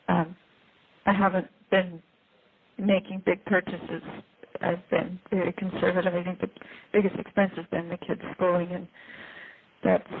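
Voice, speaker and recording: A woman speaking from prison over a phone call, in a halting, careful way. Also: lowish voice. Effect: heard over a prison phone call. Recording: tinny prison phone line.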